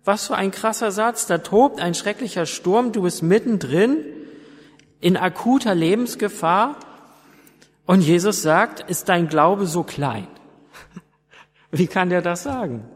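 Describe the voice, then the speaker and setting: A man preaching a sermon, retelling stories slowly and emphatically with dramatic pauses. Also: high-pitched. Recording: long hall reverb.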